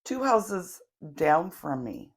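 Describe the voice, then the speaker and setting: Slow, low-voiced woman guiding a meditation. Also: sing-song, breathy edge. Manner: slow, chatty, self-deprecating asides. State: coughing now and then. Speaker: tarot reader leading a guided meditation. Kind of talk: guided grounding meditation.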